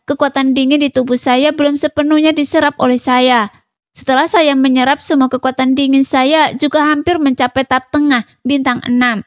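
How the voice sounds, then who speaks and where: High-voiced woman narrating a story. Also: no room sound. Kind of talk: scripted narration.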